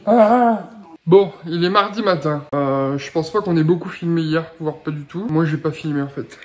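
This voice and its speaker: A young mother in a casual home vlog, talking softly and cooingly to her baby between chatty updates. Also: low-pitched, moderate pace. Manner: soft cooing baby talk.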